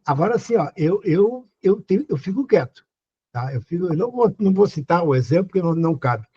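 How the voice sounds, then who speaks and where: A man's voice: sits high, lively intonation, quick pace, warm tone, muffled recording, slight background noise. An older man, hosting a live stream and giving earnest, casual advice, often asking the listener questions. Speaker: host.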